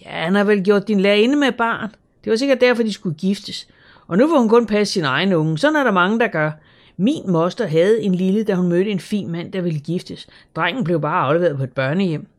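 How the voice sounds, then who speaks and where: An audiobook narrator voicing a bold, streetwise girl in her early teens who talks lively and unashamed. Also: medium pitch, voice pushed up, close to an everyday voice. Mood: worldly. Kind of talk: audiobook character voice.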